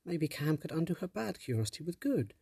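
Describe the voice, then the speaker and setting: A tiny female fairy sprite, put on by a man, squeaks and pleads in a very high, breathy voice, fearful and fretful. The sound is close and dry, with no room around it. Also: very animated, a little fast, warm tone, dry recording, full character voice. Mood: pleading.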